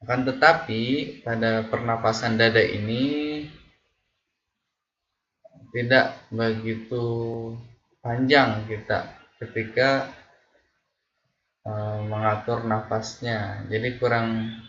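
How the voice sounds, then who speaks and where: Guy teaching singing, super slow patient talk, kinda dull lo-fi sound. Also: mid-range voice, steady tone, fairly bright tone. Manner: slow, patient explaining, sings short examples, many fillers. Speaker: music teacher. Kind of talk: casual online singing lesson.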